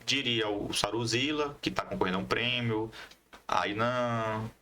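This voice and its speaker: Unhurried and steady, this comics collective member speaks in a lowish, bright, forceful voice with a northern Brazilian accent. As a podcast guest in a relaxed chat, he explains things and keeps adding "né" as a little agreement tag, with slight noise in the background.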